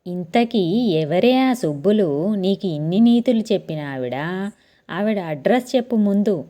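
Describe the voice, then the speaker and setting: A woman's voice: medium pitch, lively intonation, mellow, close to an everyday voice. A woman voicing a joking, exasperated young husband who drags out his teasing lines. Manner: teasing, drawn-out.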